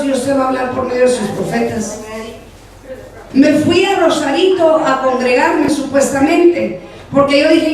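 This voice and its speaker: Woman pastor, high voice, lively storytelling sermon. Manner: animated storytelling, addresses congregation as brothers. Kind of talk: testimony sermon. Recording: echoey hall, voice from far off.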